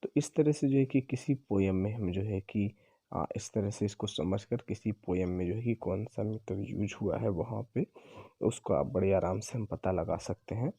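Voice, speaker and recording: Dark husky-voiced male teacher. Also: lowish voice, no room sound. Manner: explains slowly, repeats and corrects himself. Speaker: English teacher. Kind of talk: exam-prep lecture.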